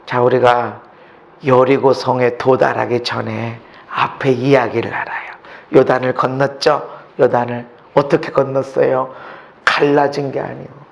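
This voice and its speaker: A male pastor preaching a sermon, swinging from shouts to hushed asides and acting out the voices he quotes. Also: mid-range voice, level tone, measured pace, creaky. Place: church sanctuary.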